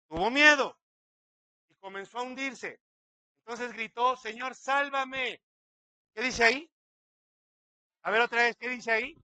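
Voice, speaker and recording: A man's voice: extremely high pitch, bright, forceful tone, no echo. A man, a pastor preaching a sermon dramatically, acting out quotes and asking many rhetorical questions.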